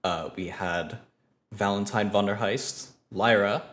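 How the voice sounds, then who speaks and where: A man hosting a tabletop game stream as game master, excitable and self-deprecating. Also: lowish voice, slow pace.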